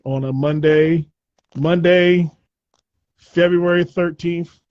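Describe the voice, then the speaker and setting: A man hosting a comedy podcast reads out the time and date in a slow, formal old-newsreel announcer manner. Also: fairly high pitch, steady tone, darkish tone, dry recording, highs cut off. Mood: mock-solemn. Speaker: podcast host.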